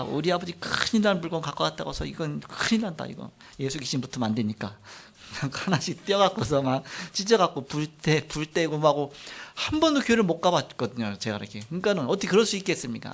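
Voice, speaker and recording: A middle-aged man preaching a sermon, telling a personal testimony in an animated storytelling way. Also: a little high. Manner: animated storytelling, acts out quotes, frequent trailing "like this". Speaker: pastor.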